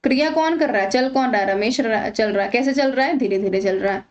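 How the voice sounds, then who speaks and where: A woman's voice: a little high, fairly quick. A woman teaching an exam-prep grammar lesson, patiently asking questions and answering them herself.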